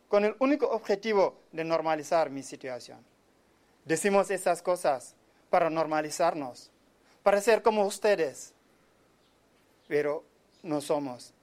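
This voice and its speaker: A man from Senegal giving an earnest, measured monologue, often speaking quietly. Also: high-pitched. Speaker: speaker telling of his migrant life. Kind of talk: reflective spoken monologue.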